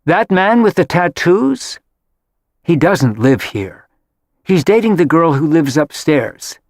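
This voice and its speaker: A man's voice: on the high side, big pitch swings, slow, darkish tone, dry recording, clean studio sound, voice pushed up, exaggerated voice. A man voicing a defensive young daughter. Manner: stern, defensive.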